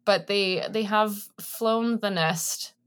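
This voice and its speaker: A woman's voice: medium pitch, slow, a bit bright, clear, resonant tone. A woman in her thirties co-hosting a podcast, chatting casually and informally in a rambling way as she introduces a guest. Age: 30s. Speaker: podcast co-host.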